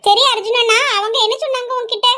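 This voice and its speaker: A woman doing a very high cheeky girl. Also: steady tone, fast, bright, forceful tone. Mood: teasing. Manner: teasing, bickering, playful threats. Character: teasing teenage village girl, cheeky. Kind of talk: amateur audio drama acting.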